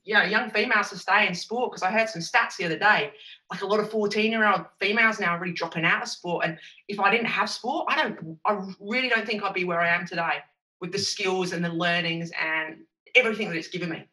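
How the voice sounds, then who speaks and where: A woman's voice: medium pitch, brisk, bright, forceful tone. A woman with an Essex accent talking as an upbeat, emphatic interview guest. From Essex, England. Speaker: podcast guest, chief executive. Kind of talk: enthusiastic interview conversation. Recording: roomy echo, distant from microphone.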